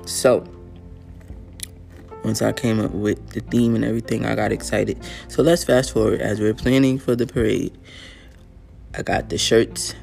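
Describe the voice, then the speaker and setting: A man hosting his own show, telling a personal story in an earnest, casual way, often clearing his throat and using fillers, sounding a little tired. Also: fairly low pitch, a little mellow. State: tired, yawning. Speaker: podcast host.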